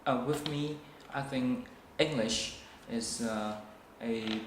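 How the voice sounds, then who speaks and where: A young man with a Vietnamese accent and a mid-range voice answers a practice speaking test as a student, speaking slowly with many hesitations and restarts. The room is echoey, with faint noise.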